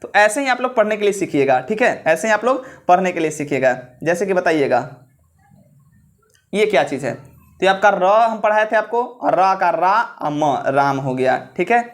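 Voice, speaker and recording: A man's voice: sits high, expressive. A man teaching an old script, repeating himself and checking in with the listener often. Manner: repetitive, checks in with "ठीक है" often; slows down to spell out letters. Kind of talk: classroom-style script lesson.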